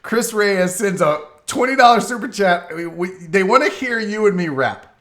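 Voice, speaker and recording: A man's voice: high voice, lively intonation, moderate pace, a bit bright. A man in his forties hosting a casual radio talk show, telling stories animatedly and swearing freely. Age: 40s. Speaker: host.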